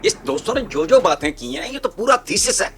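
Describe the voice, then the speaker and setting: A Pakistani man on a television panel, sarcastic and scornful as he rants. His voice is bright and forceful, and his pitch leaps up and down with every jab. Faint music sits underneath. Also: very animated, brisk. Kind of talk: TV panel commentary.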